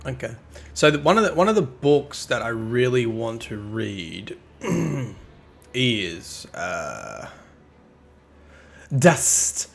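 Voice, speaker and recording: A man's voice: medium pitch, big pitch swings, takes it slowly, vocal fry, long pauses. A man streaming live who reads game lore aloud casually, chatting with his audience and tripping over hard words.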